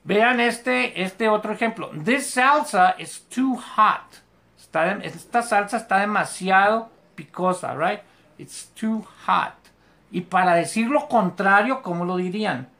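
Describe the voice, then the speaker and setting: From a bedroom at home, an English teacher runs a live online class, patiently going over English examples slowly and carefully. The voice sits at medium pitch with a somewhat bright quality.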